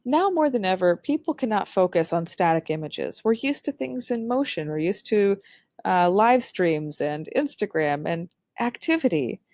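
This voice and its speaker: A young adult woman giving an online lesson on public speaking, with a clear, upbeat instructional delivery. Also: mid-range voice, big pitch swings, normal speed, darkish tone, dry recording.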